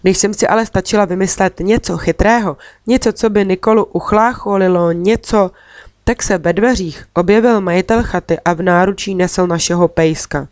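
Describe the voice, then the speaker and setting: A woman's voice: medium pitch, darkish tone, no echo. Woman reading a children's story, dry. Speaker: audiobook reader.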